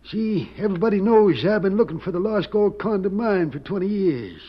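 High, raspy old prospector. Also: male voice, lively intonation, normal speed. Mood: folksy, explaining. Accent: American. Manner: folksy old prospector drawl. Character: harmless, excitable old male prospector, folksy. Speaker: actor in a western radio drama. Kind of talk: old-time radio western acting. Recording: muffled old radio recording.

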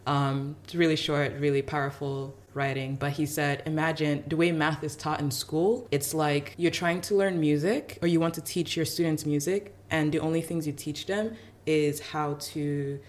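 A woman's voice: low voice, fairly even intonation, normal speed, darkish tone. A young woman speaking casually as a podcast guest. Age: young adult. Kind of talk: casual conversation. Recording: clear background noise.

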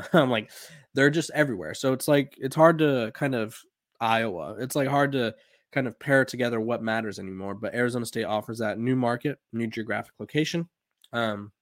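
A young man in his twenties hosts a sports podcast in a mid-range voice, recorded dry with clean studio sound. He rambles casually, piling on fillers, lots of "um"s, and frequent restarts.

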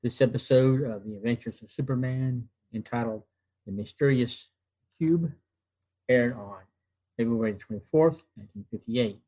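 A man in his fifties hosting a retrospective, narrating from notes in a halting way and often repeating phrases. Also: mid-range voice, mellow, rough recording. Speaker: host. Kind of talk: semi-scripted narration of TV show retrospective.

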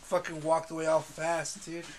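Sweary man chatting, slightly high voice. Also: monotone, moderate pace, a crowd in the background. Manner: sweary, slangy. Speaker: podcast host. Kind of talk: casual chat.

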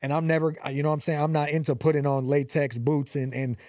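A man's voice: a little high, steady tone, fast, a little mellow, no echo, clean studio sound. A man in his twenties from Los Angeles, a rapper guest talking in slangy, earnest speech full of fillers. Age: 20s. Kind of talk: casual interview.

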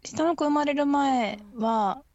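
A woman's voice: high-pitched, slow, darkish tone, no room sound, highs cut off. A woman guest in a casual roundtable chat, speaking in an earnest, reflective way. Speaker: guest parent.

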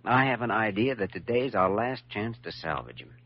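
An actor playing a thoughtful, persuasive young hospital doctor in a classic radio drama, speaking in an earnest, measured manner. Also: male voice, on the low side, animated. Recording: muffled, noisy old radio recording.

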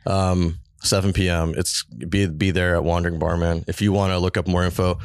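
A man with a low voice hosts a casual podcast in a laid-back, slangy way. He is recorded close and dry in a living room on an inexpensive mic. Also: little pitch movement, a little fast, smooth, no room sound. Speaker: podcast host. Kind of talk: casual chat. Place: living room of a rented apartment. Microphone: cheap podcast microphone.

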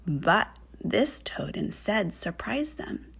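A woman softly whispering a children's story in a breathy, gentle, slow way. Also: on the low side, big pitch swings. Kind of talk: whispered bedtime story narration.

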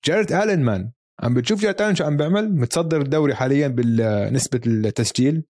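A man's voice: medium pitch, animated, very fast, darkish tone, no room sound, clean studio sound. A man with a Levantine Arabic accent chatting casually about sport as a co-host, dropping English terms into his Arabic. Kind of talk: casual basketball chat.

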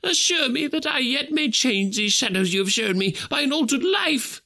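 A man voicing an old miserly gentleman who pleads in a high, strained voice. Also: lively intonation, normal speed, vocal fry, exaggerated voice. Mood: desperate. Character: old miserly man, terrified then overjoyed.

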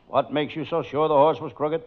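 A man's voice: on the high side, steady tone, fairly quick, lightly acted. A man playing a cocky, wisecracking private detective in a 1940s radio comedy routine built on punchlines. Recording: noisy, muffled old radio broadcast.

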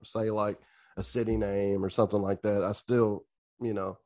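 A podcast co-host who speaks with a slight stutter in casual chat. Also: male voice, lowish voice, flat delivery, normal speed, warm tone.

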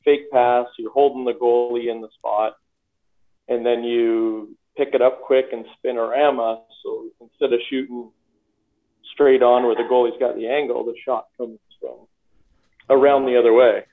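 A man's voice: medium pitch, moderate pace. Man on a tinny phone line. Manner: laughs often, repeats words, relaxed storytelling. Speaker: guest, former hockey player and coach. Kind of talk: casual interview over a call.

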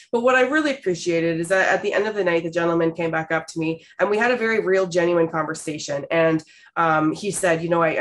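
A woman in her thirties from Canada, hosting a podcast and telling stories in a candid, expressive way with casual swearing. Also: fairly low pitch, a little hiss or hum. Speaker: podcast host. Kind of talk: casual storytelling chat.

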